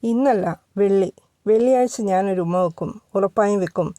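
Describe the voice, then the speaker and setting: A woman's voice: mid-range voice, moderate pace, warm tone, no room sound, clean studio sound, lightly acted. A woman voicing a playful young man teasing his sweetheart, in a storybook reading. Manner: teasing, self-assured.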